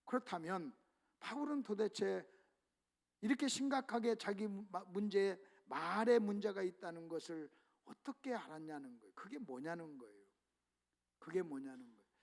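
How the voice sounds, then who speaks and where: Very high-voiced preaching man. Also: lively intonation, moderate pace, creaky. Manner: preaches with rhetorical questions, often addressing the congregation directly; swings between loud emphatic passages and low, quiet ones. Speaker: pastor. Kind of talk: sermon.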